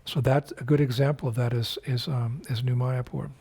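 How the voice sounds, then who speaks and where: The older spiritual teacher's voice is husky, slightly breathy, and mellow, sitting at a middle pitch with a steady tone. Recording a video message, he talks slowly and thoughtfully, repeatedly pausing, using fillers, and restarting his sentences.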